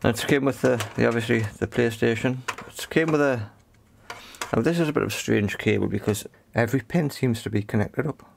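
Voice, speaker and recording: This electronics repair host is a man with a medium-pitched, creaky voice and a brisk pace, recorded with a little hiss or hum. His casual commentary on the hands-on repair comes in short, unscripted phrases as he thinks aloud.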